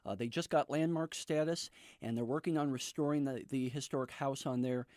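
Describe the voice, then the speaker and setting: A man's voice: medium pitch, steady tone, a little fast, darkish tone, no echo, clean studio sound. An American man speaking as an author guest in a radio interview, explaining things in an emphatic, storytelling way.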